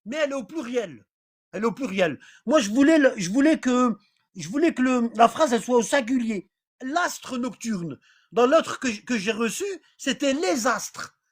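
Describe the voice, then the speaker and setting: At a moderate pace, an animated medium-pitched voice guides an informal online religious class. Text is read aloud and then commented on, in a rambling, repetitive style with regular checks that listeners follow.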